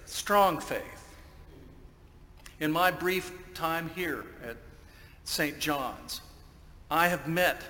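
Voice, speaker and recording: A male pastor giving a sermon in a church, telling a story in a slow, deliberate way. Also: fairly high pitch, bright, forceful tone, slight background noise. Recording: long church reverb.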